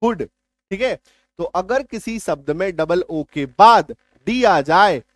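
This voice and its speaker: A man teaches a spelling lesson. He repeats key points and asks his students whether each one is clear. His voice is recorded close and dry, with no room sound. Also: high-pitched, animated, slow pace, a bit bright, no room sound. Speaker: English teacher.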